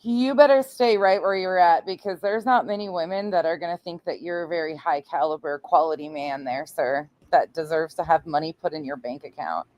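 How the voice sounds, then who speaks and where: A blunt woman streamer who reacts to clips with sarcasm and plenty of swearing. Her voice sits a little low, and her delivery is frank and cutting. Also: a little fast, hardly any pauses, darkish tone. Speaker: commentary streamer. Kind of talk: reacting to clips with profane commentary.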